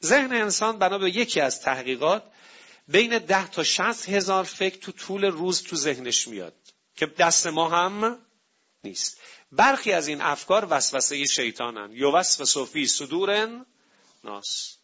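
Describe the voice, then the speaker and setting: A man's voice: on the high side, lively intonation, pushed and bright, breathy edge. A man preaching a sermon with emphatic rhetorical questions to the congregation, on a dull lo-fi recording.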